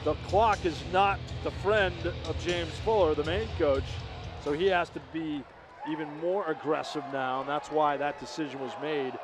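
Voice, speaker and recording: A man explains arena football plays in measured full sentences as color analyst. His voice runs a little high. Music comes through clearly behind him. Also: steady tone. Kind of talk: sports color commentary. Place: indoor arena broadcast booth.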